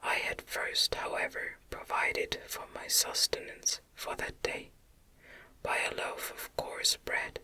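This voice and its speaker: A woman narrates an audiobook in ASMR style, whispering slowly in a breathy, unvoiced tone. Her reading is gentle, unhurried and careful, with a literary feel.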